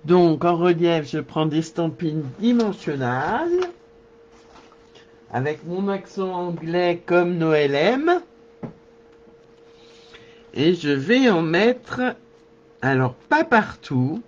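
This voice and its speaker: A man leads a live card-making tutorial, talking to his viewers and thinking aloud as he works. His voice sits high and swoops lively up and down, and he speaks very slowly. The recording is slightly dull and lo-fi. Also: slight background noise. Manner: slow, thinking aloud while working.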